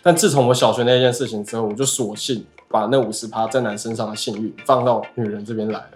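A man telling a comic story on a podcast, animated and laughing as he goes. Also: medium pitch, fast. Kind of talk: casual comedic storytelling.

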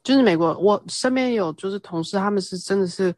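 A woman in her thirties from Taiwan chats as a podcast guest, explaining things in a talkative way with quick asides. Her voice is mid-pitched and recorded dry and close. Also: darkish tone, dry recording. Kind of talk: casual interview chat.

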